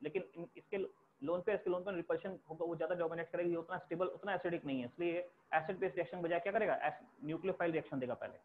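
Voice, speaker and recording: A man's voice: a little high, fast, a little hiss or hum. A male chemistry teacher lecturing a class, explaining step by step and repeating key terms for students to write down. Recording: tinny phone-like lo-fi recording.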